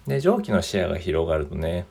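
Brisk male podcast host from Japan, low husky voice, chatty list-by-list delivery with frequent self-corrections. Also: very animated, darkish tone. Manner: chatty, works through a numbered list; often restarts and corrects himself mid-phrase. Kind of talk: casual solo podcast monologue.

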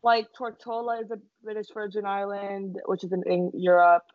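A young woman co-hosting a podcast talks at normal speed in a mid-range voice with fairly even intonation. She's casual, giggly, and swears freely, and the audio is dull and lo-fi with no room sound.

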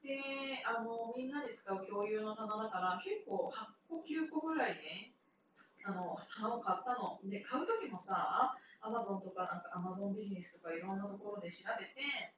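A woman in her thirties rambles through a casual solo talk, chatty and quick to laugh. She sits far from the mic in a very echoey room. A noisy background runs under her voice. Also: mid-range voice. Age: 30s. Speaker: podcaster.

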